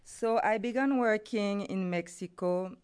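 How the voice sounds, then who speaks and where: A middle-aged Haitian woman, whose first language is Haitian Creole or French, gives a prepared conference talk in English as a guest speaker and NGO program head. With a Haitian accent, she discusses her development work formally and in carefully chosen phrasing. Her medium-pitched voice is unhurried, smooth and a little mellow.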